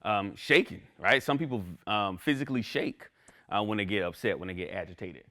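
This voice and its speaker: Fairly quick and on the low side, this male instructor delivers a conversational lecture. He stays animated, checking in with the room and asking "right?" often.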